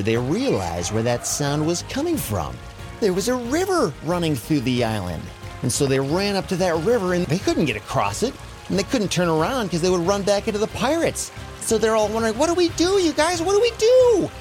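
A man narrating an adventure story for children in an expressive, dramatic way. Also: fairly high pitch.

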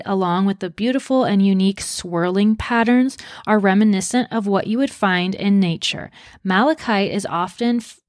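A woman's voice: mid-range voice, no echo, studio quality. A woman podcast host giving scripted, explanatory wellness narration. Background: new-age music.

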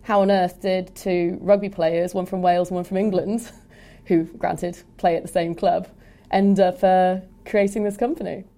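A woman's voice: fairly low pitch, steady tone, moderate pace, dark tone. A woman hosting a podcast, introducing guests in a chatty, upbeat way with fillers. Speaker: podcast host. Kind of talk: casual podcast interview.

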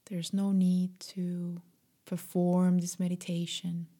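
A woman guiding a meditation in a soft, breathy, half-whispered voice, gentle, soothing and unhurried. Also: on the low side, monotone. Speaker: meditation guide. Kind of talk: slow guided meditation.

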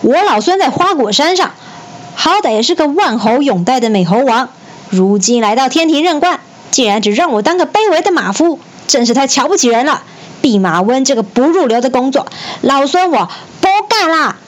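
A woman's voice: a little high, expressive, normal speed, close to an everyday voice. A woman voicing a brash, cocky male monkey king who talks in a boastful, scornful way. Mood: furious.

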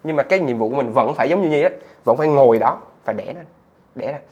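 A man's voice: medium pitch, animated, very fast, darkish tone, husky, lo-fi sound. A young man with a southern Vietnamese accent, a comedian guest chatting casually and telling stories with animation.

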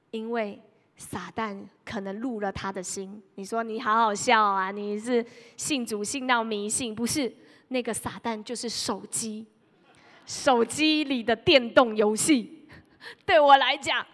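A woman's voice: sits high, long reverb tail. A middle-aged woman preaching a sermon, telling stories animatedly and speaking straight to the congregation. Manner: lively storytelling, mimics her child and addresses the congregation directly.

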